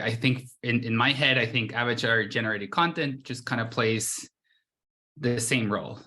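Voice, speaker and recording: A man's voice: mid-range voice, pushed and bright. A man from Guatemala, a brand founder, giving a casual conference presentation over a video call, with frequent restarts and fillers.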